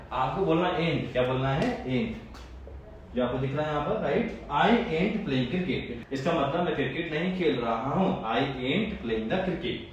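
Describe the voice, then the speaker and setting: A man's voice: a little high, a little hiss or hum. A man teaching an English grammar lesson with an Indian English accent, often repeating phrases and quizzing his students. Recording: distant, echoey, dull room audio.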